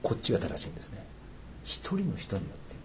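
A middle-aged man with a Tohoku accent preaching a sermon, earnest, asking rhetorical questions and dropping into soft asides. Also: fairly low pitch, wildly swooping pitch, quick pace, slight background noise. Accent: Tohoku dialect. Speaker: pastor.

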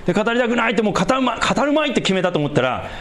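A man preaching a sermon and leading a prayer, stressing key words by stretching them out slowly and dropping low and quiet at the ends of phrases. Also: big pitch swings. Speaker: pastor.

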